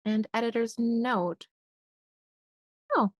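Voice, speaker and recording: A woman's voice: fairly high pitch, takes it slowly, dry recording. A young woman chatting casually while unboxing stationery and thinking aloud with lots of fillers. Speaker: stationery vlogger.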